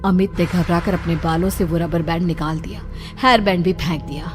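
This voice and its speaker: A woman narrating a children's cartoon story in a calm storytelling manner. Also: on the low side, fairly quick, over music.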